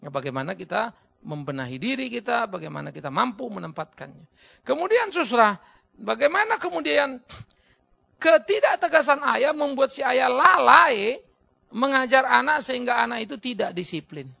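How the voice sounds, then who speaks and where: A middle-aged Indonesian man preaching a sermon as a pastor, swinging between loud shouting and low asides, acting out quoted voices. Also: lively intonation, moderate pace, vocal fry.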